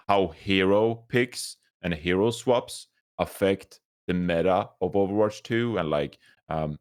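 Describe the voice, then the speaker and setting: A man asking hesitant questions in a casual roundtable chat, full of fillers, with his mic cutting out so his volume comes and goes. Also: sits low. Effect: mic cutting out, uneven volume. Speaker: panelist.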